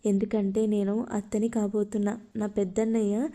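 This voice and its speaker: A woman voicing a cheerful, playful young sister, reading her lines in a flat, even way. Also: mid-range voice, normal speed, close to an everyday voice.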